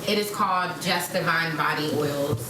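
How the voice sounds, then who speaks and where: A soft-spoken woman, a little hesitant, introducing herself on a casual panel. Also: low-pitched, moderate pace, recorded from a distance, loud music behind the voice. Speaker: panel guest. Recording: echoey room with background noise.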